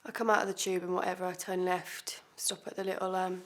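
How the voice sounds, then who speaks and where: A woman's voice: fairly low pitch, flat delivery, a little fast, fairly bright tone, natural voice. A woman acting a blunt, defiant woman, confessing under questioning in a swearing, hesitant self-tape monologue. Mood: recounting. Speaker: actor.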